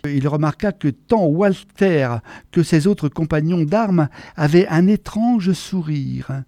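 A man reading a story aloud in a measured, expressive storytelling manner. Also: on the high side, no room sound, clean studio sound. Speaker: narrator.

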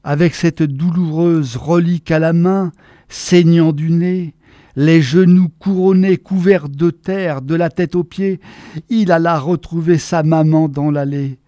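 A man narrates a story aloud in a measured, expressive way. His voice sits high for a man. The recording is dry and close, with no room sound. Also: no echo.

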